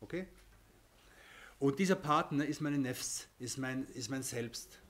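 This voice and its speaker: A man's voice: medium pitch, a little slow, slight background noise. A man teaching a religious lesson, explaining with everyday examples, often restarting and checking in with "okay?".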